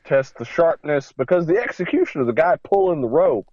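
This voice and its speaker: A man's voice: on the high side, big pitch swings, fairly quick, dark tone, no echo. A young man co-hosting a podcast in casual chat, rambling and crude, often restarting his sentences. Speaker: podcast co-host. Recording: dull lo-fi audio.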